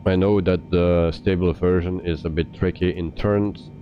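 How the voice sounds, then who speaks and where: A man's voice: fairly even intonation, moderate pace. A man from Belgium giving casual commentary while live streaming a flight simulator. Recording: muffled mic with faint engine rumble. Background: aircraft rumble.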